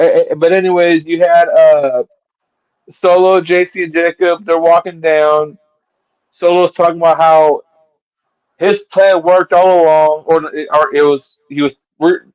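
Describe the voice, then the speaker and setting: A man's voice: fairly high pitch, no echo, highs cut off. A man hosting a casual live-stream show, recapping wrestling events at length with stumbling restarts.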